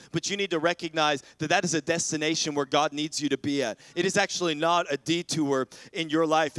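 A man's voice: on the high side, fairly bright tone, no room sound. A male pastor preaching a sermon in an earnest way, often repeating words as he builds momentum and calls out to the congregation.

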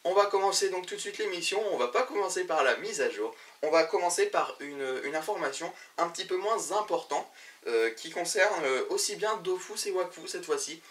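A man's voice: sits high, animated, normal speed, a bit bright, far from the mic. A man hosting a web show about games, presenting news to camera in a chatty way, with many fillers and restarts.

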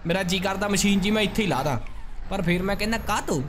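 A young man with a high-pitched voice hosts a gaming video. He chats to viewers in hearty, slangy banter full of exclamations. Vehicle noise from the game runs behind his voice. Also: fast talker, a bit bright. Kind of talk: casual game commentary to viewers. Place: indoor room, gaming setup.

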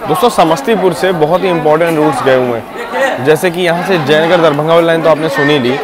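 A man's voice: fairly high pitch, fairly quick. A young man vlogging a train journey on station platforms, talking into a phone held at arm's length in a chatty, informative tour-guide tone. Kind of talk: casual travel vlog narration. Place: outdoor railway station platforms. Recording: loud station and train noise. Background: station crowd and trains.

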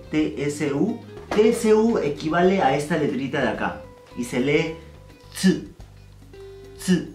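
A man teaches a casual video lesson, joking and slangy as he drills sounds slowly. His voice sits a little high and sounds set back from the mic in an echoey room. Faint music plays underneath. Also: recorded from a distance. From Peru. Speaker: language teacher.

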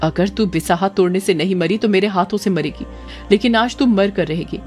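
A woman's voice: mid-range voice, fairly quick, darkish tone, lightly acted. A cruel, scheming older witch who mocks and threatens, as a woman storyteller puts her on. Her voice is cackling and menacing. Faint music plays beneath her. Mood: menacing, mocking. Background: faint background music.

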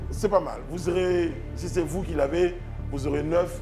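A man's voice: on the high side, fairly even intonation, moderate pace. A man hosting a TV game show in a studio, playful and joking, quizzing contestants on foreign words. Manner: playful, joking, mock German accent. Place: TV studio set. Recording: music playing behind. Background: music.

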